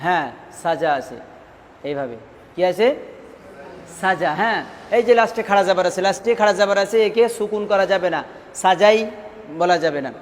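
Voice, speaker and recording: High-voiced man teaching in a reverberant room. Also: slight background noise. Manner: asks students questions and repeats answers, drawn-out drilled syllables. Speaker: Quran recitation teacher. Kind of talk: classroom lesson.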